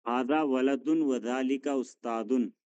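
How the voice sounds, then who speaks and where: A man leads a classroom drill, patient and encouraging, correcting students gently. His voice sits at a middling pitch. The sound is dry and close, with no room echo. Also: fairly even intonation, unhurried, smooth, muffled recording. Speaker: Arabic teacher.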